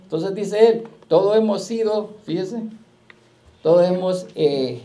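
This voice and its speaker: Male pastor, warm mellow tone, fiery preaching full of rhetorical questions. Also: high-pitched. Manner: fiery preaching with rhetorical questions, slow drawn-out scripture quotes. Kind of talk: sermon.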